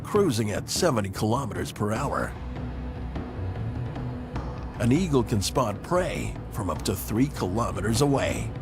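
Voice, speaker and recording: A man reading scripted nature documentary narration with measured, dramatic phrasing. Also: medium pitch. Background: background music.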